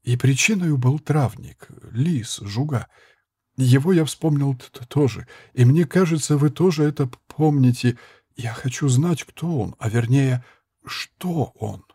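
A man doing gentle stammering monk Tomas. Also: mid-range voice, lively intonation, unhurried, breathy edge, no room sound, clean studio sound, pitched above the performer's own voice. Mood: calm. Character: calm young monk Tomas, soft-spoken.

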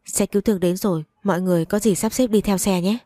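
A woman voicing a calm male police officer reporting to a family, in a spoken story. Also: mid-range voice, quick pace, dry recording, clean studio sound, close to an everyday voice. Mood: grave.

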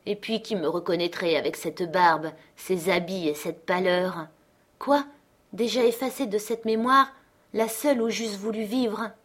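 Woman reading an old novel aloud, dramatic and expressive, middle pitch. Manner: expressive, dramatic, slowing on key phrases. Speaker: audiobook reader. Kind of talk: audiobook narration of a classic novel.

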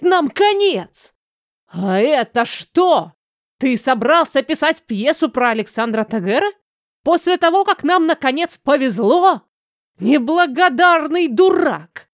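A furious man who runs a theater troupe, yelling and berating his brother in a raised, high voice, as a woman reads him in a storybook. The sound is dry and close. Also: no room sound. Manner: shouting, angry. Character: furious younger brother, troupe owner, male.

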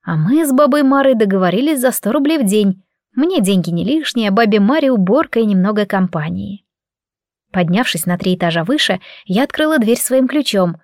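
A woman's voice: mid-range voice, animated, a little fast, a little mellow, dry recording. Dry, reflective woman reading a story. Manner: reflective, wry. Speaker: audiobook narrator. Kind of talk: first-person audiobook narration.

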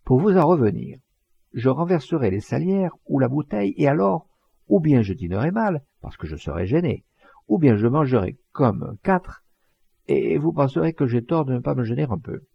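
A man voicing a blunt, boastful rustic poacher, with a husky, gravelly voice and earthy, emphatic talk. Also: mid-range voice, very animated, moderate pace, no room sound, highs cut off, voice pushed up, exaggerated voice. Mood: earnest. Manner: earthy, plain-spoken, emphatic.

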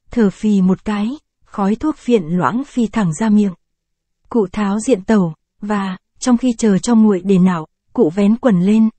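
A woman narrates a short story in a measured, even reading. Her voice is mellow and dark. The recording is dry and close to the mic. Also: medium pitch, no room sound. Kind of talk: scripted narration.

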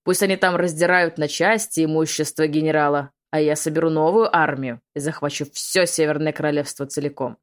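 A woman's voice: low voice, steady tone, brisk, hardly any pauses, lightly acted. Woman reading as a cruel demon lord, commanding, scornful, barks orders at his daughter. audiobook villain. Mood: cold scornful.

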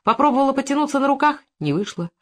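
A woman narrating an audiobook in an expressive literary style. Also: high voice, rapid-fire.

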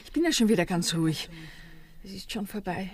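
An actress playing a fragile, dreamy young expectant mother in a radio drama, speaking in a hushed, faltering way. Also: mid-range voice, animated, fairly quick, lightly acted. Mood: excited. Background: dance music from a gramophone.

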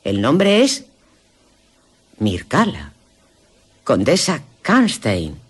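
Voicing Laura, a wistful young gentlewoman easily amazed, this Castilian-accented actress in a Spanish radio drama alternates between hushed narration and excited outbursts. She speaks very slowly in a rumbling low, husky voice, heavily acted and intrigued.

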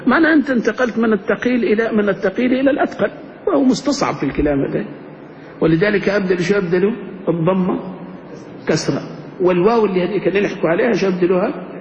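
A man's voice: high voice, creaky. A man teaching grammar to a class, often asking the students questions. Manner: engaging, asks the class questions. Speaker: sheikh teaching Arabic grammar. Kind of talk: classroom lecture. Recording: muffled lo-fi classroom recording.

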